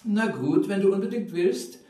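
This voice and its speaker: A man's voice: sits high, animated, moderate pace, mellow, echoey room, pitched above the performer's own voice. A man voicing a sly, cheeky schoolboy who sounds innocent, in a storybook reading.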